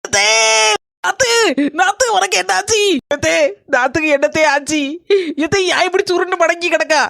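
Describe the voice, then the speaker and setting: A woman's voice: extremely high pitch, normal speed, gravelly, a bit bright, full character voice. A woman voicing a melodramatic young village daughter-in-law in a cartoon, with a Kanyakumari Tamil accent. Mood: alarmed. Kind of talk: cartoon voice acting.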